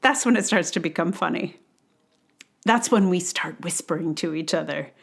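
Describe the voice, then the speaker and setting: A woman from theater giving wry, amused commentary in a casual vlog, with an expressive delivery. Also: lowish voice, moderate pace, creaky, husky.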